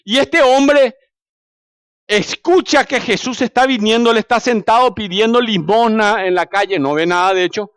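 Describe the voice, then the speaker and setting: A man with a Paraguayan accent preaching a sermon, telling stories animatedly, swinging from loud to hushed and asking the congregation questions. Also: sits high, normal speed, clear, resonant tone, no echo, studio quality. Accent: Paraguayan Spanish.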